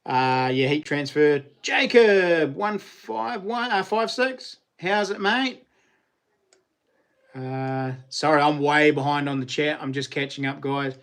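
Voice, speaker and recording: Kiwi guy w broad nz accent chatting on his livestream, bit higher voice, matey slang. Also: slow pace, a bit bright, clear, resonant tone. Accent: New Zealand. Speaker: live stream host. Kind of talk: casual live chat, greeting viewers.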